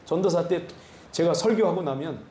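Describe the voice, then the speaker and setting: A man's voice: fairly high pitch, moderate pace, dark tone, slight background noise. Man preaching a sermon, pastor, rhetorical questions, echoey church hall, faint ambience behind. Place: church sanctuary.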